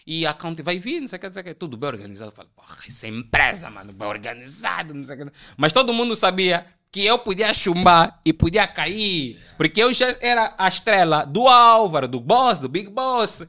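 A young man from Angola with an Angolan Portuguese accent, telling animated, slangy stories as a podcast guest. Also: high voice, fairly quick, few pauses. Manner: animated, slangy, acts out quoted voices. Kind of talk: casual storytelling chat.

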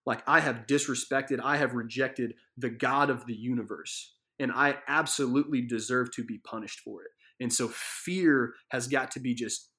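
A man's voice: medium pitch, fairly even intonation, moderate pace, few pauses, bright, forceful tone. A man giving a casual devotional Bible teaching from a living room, telling the story vividly and earnestly, with many fillers and restarts.

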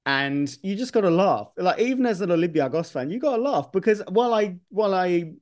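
A man's voice: high-pitched, animated, a little fast, darkish tone. A man hosting a football podcast, chatting casually and animatedly with strong opinions. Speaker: podcast host.

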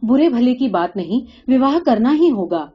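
A woman's voice: fairly high pitch, lively intonation, slightly rough, soft background music. A woman voicing a kindly middle-aged mother who reasons patiently in a storybook reading. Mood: reasoning. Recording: dull lo-fi recording.

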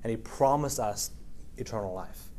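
A man's voice: lowish voice, normal speed, warm tone. A man preaching in a casual, conversational way, reading scripture aloud and often checking in with his listeners. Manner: casual, keeps checking in with "right?"; frequent fillers, reads scripture aloud. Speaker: preacher teaching a Bible study. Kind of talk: conversational sermon.

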